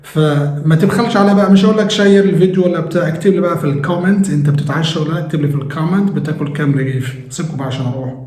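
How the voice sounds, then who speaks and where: A man with an Egyptian Arabic accent gives a casual vocabulary lesson, chatty, then slowing down for careful English examples. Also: on the high side, darkish tone, echoey room. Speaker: English teacher. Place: home kitchen.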